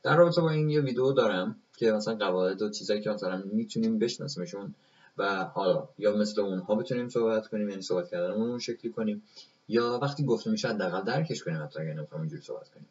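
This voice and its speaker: Man, English teacher, very low voice, dull lo-fi sound, patient halting explanations. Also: a little mellow. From Iran. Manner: explains slowly, repeating examples with many fillers. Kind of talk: live Q&A lesson.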